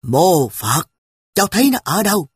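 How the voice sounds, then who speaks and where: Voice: medium pitch, big pitch swings, normal speed, husky, no echo, clean studio sound, pitched above the performer's own voice. A reader doing a stern old grandmother. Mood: scolding. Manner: scolding, gently reassuring. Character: kindly grandmother, devout and stern. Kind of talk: audiobook character voice.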